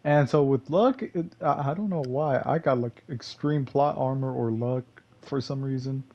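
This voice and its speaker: Rambling man with a mellow voice. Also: medium pitch, normal speed, highs cut off. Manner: rambling, self-correcting, chuckles often. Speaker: gameplay commentator. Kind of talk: casual gameplay commentary.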